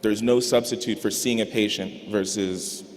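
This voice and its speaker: A young man giving a commencement speech on behalf of his graduating class, earnest and deliberate, with emphatic rises. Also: lowish voice, fairly even intonation, a little hiss or hum. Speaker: graduating student speaker. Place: large arena. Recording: reverberant arena PA sound.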